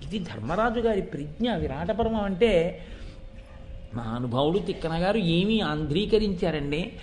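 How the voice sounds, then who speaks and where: High-voiced man giving a devotional discourse. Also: normal speed, slight background noise. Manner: chants classical verses, addresses listeners directly; animated storytelling with acted quotes. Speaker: religious discourse speaker.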